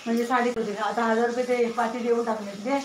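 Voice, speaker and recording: A woman's voice: on the high side, flat delivery, fast talker. A woman chatting at home in a casual vlog, coaxing and scolding her pets. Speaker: home vlogger. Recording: echoey room with loud background noise.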